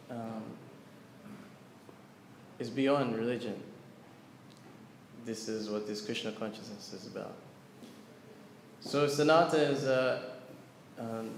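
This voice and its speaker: Before a live audience, a man teaches a devotional scripture class, putting questions to his listeners as he explains earnestly. His voice is mid-range with a little hiss or hum, recorded in an echoey hall with long reverb and faint ambience.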